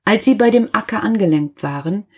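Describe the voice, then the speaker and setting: A woman reading a children's story aloud, gentle and animated, speaking directly to young listeners. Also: medium pitch, fairly quick, husky.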